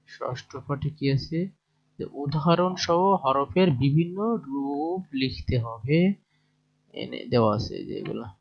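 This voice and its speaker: A man's voice: mid-range voice, vocal fry. A man with a Bangladeshi Bengali accent teaching a lesson from a textbook. He explains each exercise in plain talk and checks in with his listeners. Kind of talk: lesson, reading through a textbook. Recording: dull lo-fi recording.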